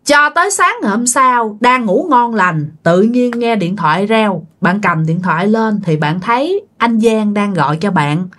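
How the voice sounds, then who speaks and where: Lively southern Vietnamese woman storyteller. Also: mid-range voice, unhurried, hardly any pauses. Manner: animated, addresses listeners directly. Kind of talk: ghost story narration.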